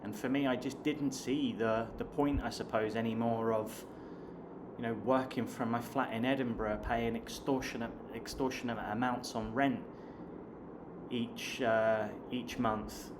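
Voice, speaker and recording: A southern English-accented man from Hampshire, late thirties, talks casually to camera in a steady, mid-range voice at a measured pace. As an online English teacher and vlogger, he's chatty and calls his audience "guys." There's clear background noise in the recording.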